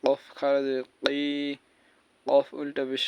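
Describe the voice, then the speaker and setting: A man's voice: medium pitch, monotone, slow, smooth, dry recording, muffled recording. A man, teaching a spoken lesson and spelling out letters and vowel marks syllable by syllable. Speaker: Quran recitation teacher.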